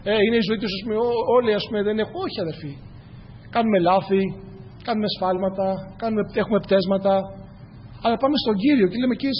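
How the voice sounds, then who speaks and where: A man preaching a sermon in earnest, asking rhetorical questions and repeating key phrases. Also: high voice. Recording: muffled, echoey hall with faint noise.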